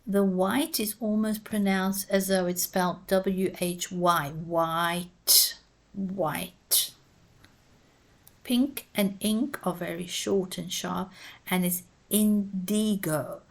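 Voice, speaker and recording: Slow, deliberate woman teaching vowels. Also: lowish voice. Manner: spells words out letter by letter. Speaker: English teacher. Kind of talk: slow, careful pronunciation lesson.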